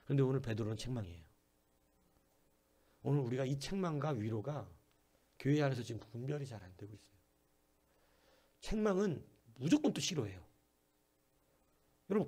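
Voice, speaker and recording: Man, pastor, sermon, dark tone, husky, questions to the congregation, whispers and bursts. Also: medium pitch. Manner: conversational preaching, often asking the congregation questions; acts out quoted voices, from soft whispers to sudden loud bursts.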